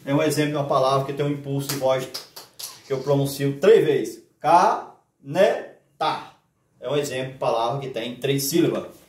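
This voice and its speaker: A man's voice: mid-range voice, fairly even intonation, fast, a little mellow, distant mic. A male teacher who takes his time and asks his class questions, drawing each word out one syllable at a time. His voice sits a bit away from the mic in a roomy, echoing space. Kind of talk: grammar lesson. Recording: echoey room, voice from off mic.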